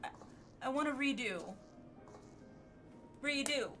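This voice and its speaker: Young woman streamer, bright tone, slow unhurried chat, laughing at herself, soft game music under her. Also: sits high, lively intonation. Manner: giggly, self-mocking and emotional. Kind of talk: casual live-stream chat.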